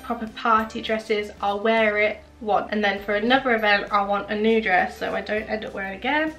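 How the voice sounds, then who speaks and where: A woman's voice: a little high, fairly bright tone. A woman in her twenties giving a casual wardrobe tour at home, chatting and thinking aloud as she hunts for the right words. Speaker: fashion vlogger.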